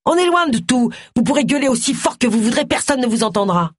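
Reader doing a nasty young farm lad, yells his threats, kinda raspy. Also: high voice, expressive, normal speed, no echo. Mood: menacing. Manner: taunting, shouting threats. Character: young hostile farmer's son, menacing schemer.

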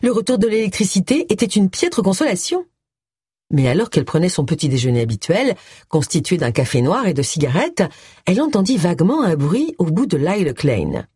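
A woman reading a novel aloud in an expressive storytelling manner. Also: lowish voice, fairly quick, husky, no room sound, studio quality. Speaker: audiobook narrator. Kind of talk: scripted narration.

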